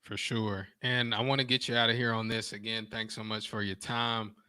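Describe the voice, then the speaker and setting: A male interview host with a bright, sharp voice. He talks in an upbeat, joking way and praises his guest. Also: lowish voice, flat delivery, moderate pace, clear, resonant tone. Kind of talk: casual interview chat.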